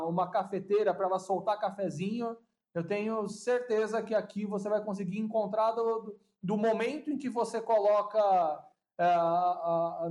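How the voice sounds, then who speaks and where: A man with a notably high voice talks as a guest on a podcast. His speech is relaxed but halting, and he stumbles over repeated words while he thinks. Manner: hesitant, repeats words while searching for them. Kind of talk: casual podcast conversation.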